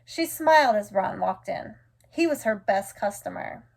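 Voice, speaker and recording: A woman reading a children's picture book aloud as a storyteller, in an expressive, deliberate way. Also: mid-range voice, gravelly.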